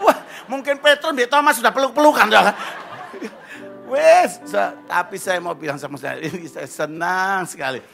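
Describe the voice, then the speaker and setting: A male pastor, preaching an energetic, humorous sermon sprinkled with slang. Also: high voice, normal speed, gravelly, soft background music.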